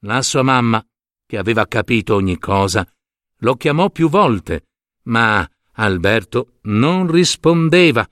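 A man reading a children's story aloud with expressive, dramatic storytelling. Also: medium pitch, slow, no echo, clean studio sound. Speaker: narrator.

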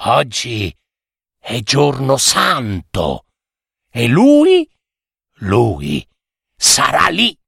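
A man voicing a cunning red-haired witch who talks in a teasing, sing-song, drawn-out way. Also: mid-range voice, huge pitch swings, creaky, a bit bright, slightly rough, no echo, clean studio sound, heavily acted.

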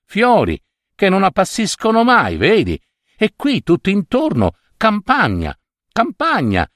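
Guy doing a sweet coaxing old mum, voice goes up high and lilts. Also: huge pitch swings, a little slow, a bit bright, no echo, clean studio sound, heavily acted. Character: kindly older mother coaxing a young bride.

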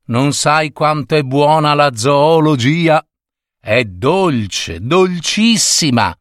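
Storybook mom, coaxing and sweet-talking, read by a man; lively, slow, dry close sound. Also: a little high, dry recording, full character voice. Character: coaxing mother urging her child.

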